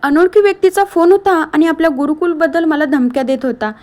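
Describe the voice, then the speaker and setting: A woman's voice: very high voice, fast talker, a little mellow. A woman voicing a stern, protective older man as she retells a serial episode, reading his lines firmly and reassuringly in her own voice.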